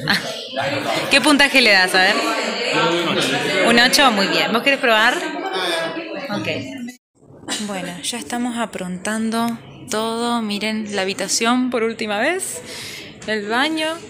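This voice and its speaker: A woman's voice: fairly high pitch, takes it slowly, pauses often. A young woman with an Argentine accent from Entre Ríos, chatting upbeat as she vlogs on a phone. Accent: Argentine Spanish. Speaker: vlogger. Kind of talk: casual vlog. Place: busy hostel common area indoors. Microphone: handheld phone camera. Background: crowd chatter.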